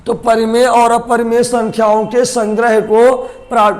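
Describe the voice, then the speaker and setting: A man with a very high speaking voice teaches a math lesson to students. He poses questions and answers them himself. He slows down to repeat the key terms. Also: little pitch movement. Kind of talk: classroom-style lesson to camera.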